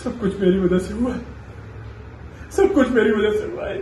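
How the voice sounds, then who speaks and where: A man's voice: very high voice, moderate pace, slight background noise, pitched above the performer's own voice. A man acting a grief-stricken young husband in an amateur short film, tearful and pleading with a breaking voice. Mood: despairing. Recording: roomy echo, mic at a distance.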